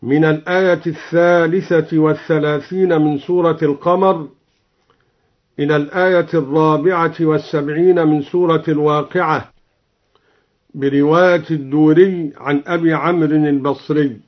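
A man's voice: on the high side, fairly even intonation, moderate pace. A man teaching how verses are recited, explaining each variant plainly and then chanting the verse as an example. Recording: dull lo-fi radio broadcast.

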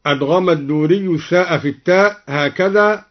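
A man teaching Quran recitation, explaining each reading and then chanting the verse slowly and drawn out. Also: high voice. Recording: dull lo-fi recording.

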